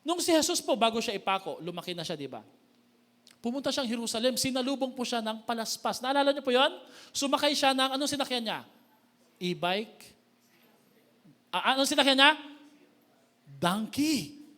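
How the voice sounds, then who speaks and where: Male Filipino pastor, Filipino accent, lively sermon delivery, high-pitched and bright. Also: brisk, pauses often. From Philippines. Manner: lively, joking, calls on the congregation.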